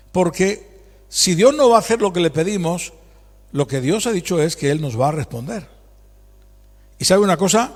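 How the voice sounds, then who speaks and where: A man's voice: sits high, big-room sound. A man preaching a sermon, emphatic and dramatic, acting out voices as he goes. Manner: emphatic, dramatic, acts out God's voice.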